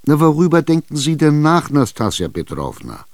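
An impatient schemer , played by a male reader, pushes hard in a raised, louder voice, insistent and exasperated. The dry, close sound of this radio play puts his badgering right up front. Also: fairly high pitch, wildly swooping pitch, moderate pace, no echo, pitched above the performer's own voice. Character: impatient, scheming middle-aged male buyer. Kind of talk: radio drama reading.

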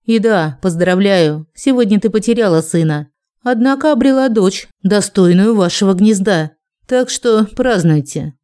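A man's voice: high-pitched, lively intonation, a little mellow, smooth. A woman reading a cold, contemptuous dragon man. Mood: bitter. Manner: slow, contemptuous, menacing. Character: cold proud male dragon husband.

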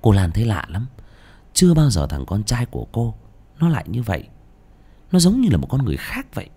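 A man giving dramatic, expressive scripted narration of a horror story. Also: on the low side, a little fast, slightly rough. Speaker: audiobook narrator.

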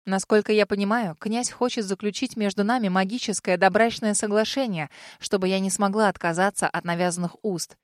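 A woman reading a first-person fantasy audiobook expressively, with sharp angry outbursts in the heroine's lines. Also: mid-range voice, steady tone, brisk, few pauses, no echo, clean studio sound. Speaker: audiobook narrator.

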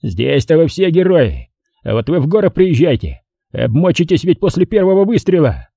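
A man playing a drunk brawling army officer, loud and cocky. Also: on the high side, big pitch swings, moderate pace, vocal fry, breathy edge, dry recording, voice pushed up, full character voice. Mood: taunting. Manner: boisterous drunken bluster.

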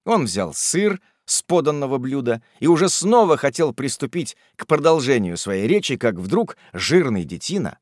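A man narrating a classic novel as an audiobook, in an animated, theatrical storytelling manner. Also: medium pitch, normal speed, few pauses, no room sound, clean studio sound.

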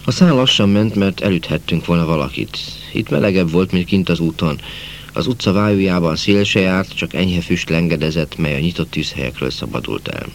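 A man narrating a novel in a calm, measured reading voice. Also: low-pitched, creaky, a little hiss or hum. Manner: calm, measured, falling at sentence ends. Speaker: audiobook narrator.

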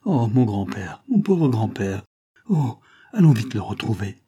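A man's voice: lowish voice, sing-song, measured pace, warm tone, breathy edge, heavily acted. A man voicing a frightened young woman who pleads anxiously in a raised, breathless voice. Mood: frantic.

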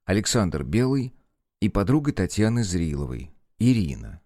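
A man narrating an audiobook in a steady, even storytelling manner. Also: low-pitched, moderate pace, no echo, studio quality.

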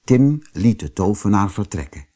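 A man reading a fairy tale audiobook as narrator, slow and very expressive. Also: lowish voice, soft background music.

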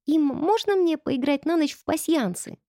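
Woman putting on a little girl voice, high and wheedly, begging, dry close sound. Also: animated, moderate pace, mellow, dry recording. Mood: pleading. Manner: wheedling, pleading. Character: little girl, pleading and sweetly obedient.

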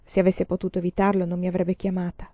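A quiet young Chinese widow speaks with composed resignation, voiced by a woman reader. The voice is warm and low-key in a dry, close storybook recording. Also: completely flat delivery, quick pace, no echo, dull audio, natural voice. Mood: resigned.

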